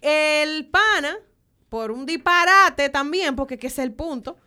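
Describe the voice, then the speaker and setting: Bright, animated woman. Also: sits high, measured pace. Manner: animated, repeats herself for emphasis. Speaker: podcast co-host. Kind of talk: casual chat, personal storytelling.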